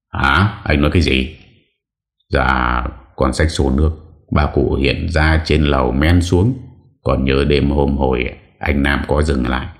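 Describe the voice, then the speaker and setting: A man voicing a frightened young hotel worker who stammers and pleads. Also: very deep voice.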